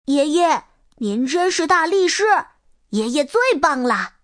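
A woman's voice: high voice, expressive, unhurried, no echo, clean studio sound. A woman voicing a cheerful, caring little girl in a storybook reading. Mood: chirpy. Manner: sweet, coaxing, chirpy.

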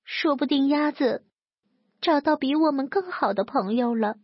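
A woman voicing a worried little cat in a storybook, crying out in a high, pleading voice. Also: moderate pace, no room sound, muffled recording, natural voice. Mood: sad.

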